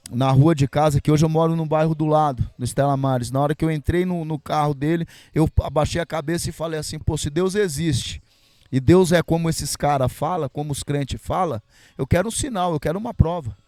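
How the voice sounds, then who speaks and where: Middle-aged São man, podcast guest, casual slangy testimony, fairly high pitch. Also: a little fast, mellow, no room sound. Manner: slangy street talk.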